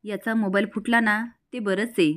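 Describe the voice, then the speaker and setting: A woman's voice: mid-range voice, fairly even intonation, moderate pace, fairly bright tone, natural voice. A woman voicing a scheming young woman who answers back defensively.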